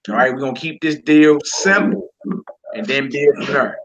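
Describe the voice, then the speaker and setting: A man's voice: medium pitch, moderate pace, dull audio. A man teaching a Hebrew reading lesson, encouraging his student and repeating words and phrases.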